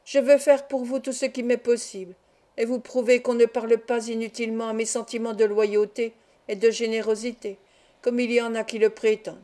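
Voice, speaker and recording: A woman reading the lines of a harsh, scheming middle-aged uncle in an audiobook, smooth in speech and menacing underneath. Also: on the high side, level tone, brisk, dark tone, close to an everyday voice. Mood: feigned generosity.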